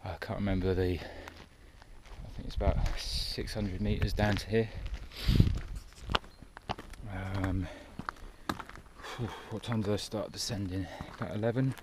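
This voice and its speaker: A man with a very low voice, out of breath as he picks his way down a mountain outdoors. His talk is loose and chatty, vlog-style. A faint hiss sits behind him. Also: fairly even intonation, unhurried, pauses often. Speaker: hiking vlogger. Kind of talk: casual hiking vlog commentary. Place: outdoors on a steep mountain descent.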